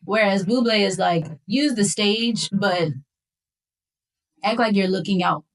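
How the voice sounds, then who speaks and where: Speaking at a measured pace with a medium-pitched voice, a Philadelphia singer in her twenties talks casually and earnestly as a guest on a podcast interview, explaining her thoughts. The recording is rough.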